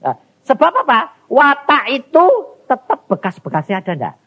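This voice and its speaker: Animated husky male preacher, lo-fi. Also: moderate pace. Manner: animated, swings between high exclaims and low murmurs, addresses congregation directly. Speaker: evangelist preacher. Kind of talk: sermon. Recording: dull lo-fi church recording.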